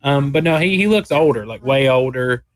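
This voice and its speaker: A man playing a tabletop game, describing things casually in a halting, explanatory way. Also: medium pitch, lively intonation, dry recording.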